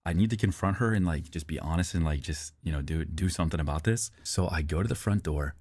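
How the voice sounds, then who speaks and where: A man's voice: a bass voice, fast talker, a little mellow, slightly rough, no room sound. A man streamer telling a long personal story in a rambling, casual way, often repeating himself and swearing.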